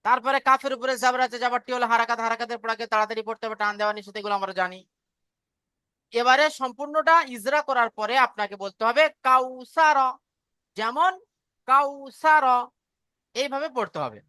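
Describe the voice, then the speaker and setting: Patient woman Quran teacher, Bengali accent, bright clear voice, slow drilled recitation. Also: a little high, dry recording. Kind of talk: online Quran reading lesson.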